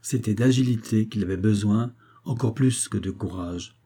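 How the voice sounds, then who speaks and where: A male narrator reads a classic tale aloud in a measured, even storytelling manner. His voice is low, very dark and mellow, with a husky grain. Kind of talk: audiobook narration.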